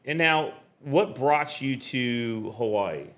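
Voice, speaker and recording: A man's voice: medium pitch, lively intonation, slow pace, fairly bright tone. Man hosting a podcast interview. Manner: friendly, repeats guest's answers back. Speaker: podcast host.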